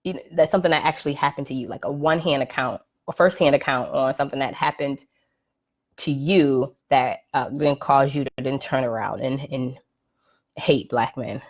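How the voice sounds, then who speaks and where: Low-voiced woman doing a live podcast from home, chatty, lots of "right?" and ums. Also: fairly even intonation, moderate pace. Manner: conversational, frequent "right?" and "um" fillers. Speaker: podcast host. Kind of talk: casual live-stream monologue. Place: at home, live video stream. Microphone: computer or phone mic on a live stream.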